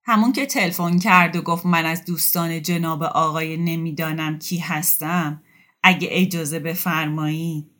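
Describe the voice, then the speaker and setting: A woman voicing a coarse, bossy woman who mocks bluntly and slowly. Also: low-pitched, fairly even intonation, a bit bright. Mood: mocking, bossy. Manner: blunt, mocking, slow and pointed.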